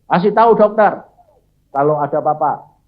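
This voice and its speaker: An older man from Indonesia preaching a sermon, telling stories and shouting out acted quotes. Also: fairly high pitch, expressive, normal speed, phone-quality sound. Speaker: pastor. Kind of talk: sermon with storytelling.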